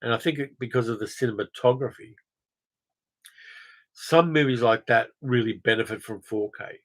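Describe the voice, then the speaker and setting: A man's voice: medium pitch, moderate pace, poor audio. A man hosting a film channel livestream, chatting casually and answering viewer comments with a rambling, filler-heavy manner. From Australia. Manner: rambling, conversational, frequent fillers.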